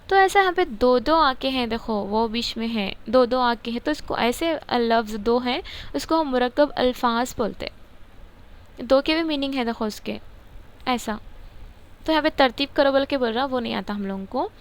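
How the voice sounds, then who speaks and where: Woman teacher, casual grammar lesson, repeats key words, smooth clear voice. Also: fairly high pitch. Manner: repeats words, asks and answers her own questions.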